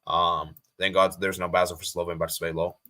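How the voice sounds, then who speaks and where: A man's voice: low-pitched, level tone, normal speed, bright, forceful tone. An American man hosting a live stream, chatting casually and reading viewer comments aloud, often repeating himself. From USA.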